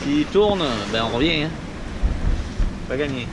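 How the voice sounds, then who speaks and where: Loud wind buffets the microphone over boat noise as a man talks in a slightly high-pitched voice. He gives informal, colloquial sailing commentary to camera from a boat out at sea. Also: expressive, measured pace. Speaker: sailor narrating his own trip as skipper. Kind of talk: casual sailing vlog commentary.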